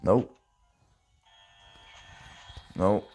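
A young man muttering frustrated commentary while pulling in a mobile game, grumbling with sudden yelled outbursts. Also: very slow, soft background music. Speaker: gamer. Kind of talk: casual gacha pull commentary.

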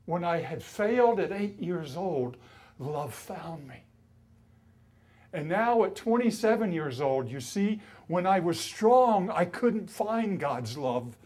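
A man's voice: high voice, takes it slowly, breathy edge. A man in his fifties from the US East Coast, telling his life story as a conference speaker. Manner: storytelling, grows loud and excited, often laughing. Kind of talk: preaching testimony. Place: conference hall.

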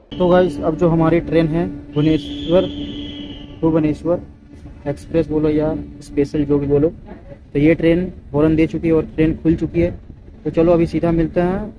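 A young man with a fairly high voice narrates his own train journey, chatting casually to his viewers. He holds an action camera close as he moves through the coach and along the platforms. Clear train and station noise sits under his voice the whole time. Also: highs cut off. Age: young adult. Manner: chatty, addresses viewers as guys. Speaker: travel vlogger. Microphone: action camera held close. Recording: noisy handheld train recording.

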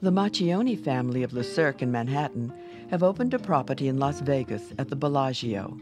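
A man's voice: mid-range voice, very animated, fairly quick. Male cooking show narrator over guitar music. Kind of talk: scripted narration. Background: plucked guitar music.

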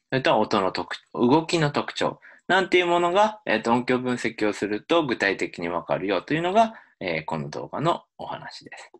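A man's voice: medium pitch, fairly bright tone. A man, a university linguistics lecturer, explaining in a recorded lecture with frequent um fillers.

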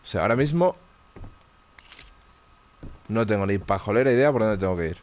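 A man's voice: lowish voice, expressive, moderate pace, darkish tone. A man with a Spain Spanish accent streaming live horror gameplay commentary, tense and muttering, swearing often.

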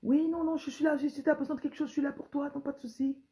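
A woman acting out a married man who flirts in a soft, coaxing, reassuring voice. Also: high-pitched, little pitch movement, very fast, pitched above the performer's own voice.

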